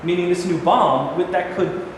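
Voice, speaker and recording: A man's voice: high-pitched, normal speed, lightly acted. A man playing a troubled, plain-spoken middle-aged president in a staged play reading. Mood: troubled, earnest. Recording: very echoey hall, noisy room recording.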